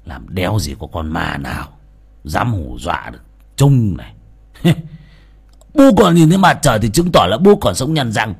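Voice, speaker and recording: Man playing a crude drunk village braggart, husky, wildly swinging pitch. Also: big pitch swings, moderate pace, long pauses, exaggerated voice. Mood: swaggering. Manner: swaggering, crude, then stammering in panic.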